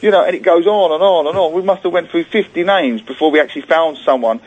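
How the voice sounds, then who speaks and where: A man's voice: a little high, fast, darkish tone, muffled recording. A man who grew up in Singapore, a book author guest on a radio show, telling chatty self-deprecating stories and acting out quoted lines. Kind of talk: radio interview, phone-in guest.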